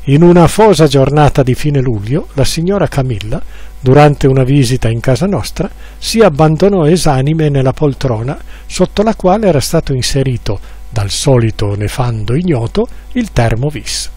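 A man's voice: mid-range voice, lively intonation, normal speed, dark tone, breathy edge, dry recording. A man narrating a humorous literary story with dry irony, now and then acting out the quoted lines.

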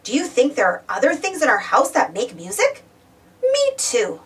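A woman reads a children's storybook aloud with animation, exclaiming and asking the young listeners questions. Her high-pitched voice swings hugely in pitch at a moderate pace, and she sounds far from the mic.

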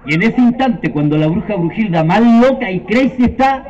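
A man with a Chilean accent telling a story live, playful and animated, quizzing his listeners. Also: sits high, normal speed. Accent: Chilean Spanish. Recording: dull lo-fi live recording.

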